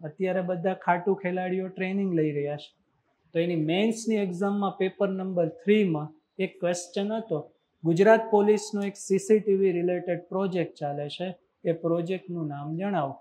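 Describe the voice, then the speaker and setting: A man teaching an exam coaching class, firing quick questions at the students and answering them himself. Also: high-pitched, warm tone, slight background noise, rough recording. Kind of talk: classroom lecture.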